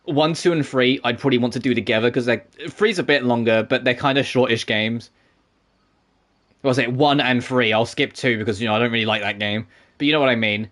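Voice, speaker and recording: A man's voice: medium pitch, fairly quick, fairly bright tone. A man giving casual, rambling commentary while playing a game, laughing often. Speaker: gaming streamer.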